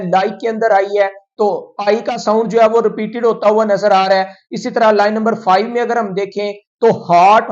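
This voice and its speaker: A male English teacher going through a poem line by line, explaining each example in a steady, methodical way and slowing down for definitions. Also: sits high, lo-fi sound. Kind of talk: line-by-line poem analysis lesson.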